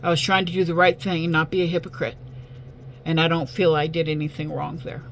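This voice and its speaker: Hoarse woman with a failing voice. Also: low voice, level tone, a little fast, low-quality recording. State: hoarse, losing voice. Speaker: online video host. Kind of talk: casual address to viewers. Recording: faint background hum and noise.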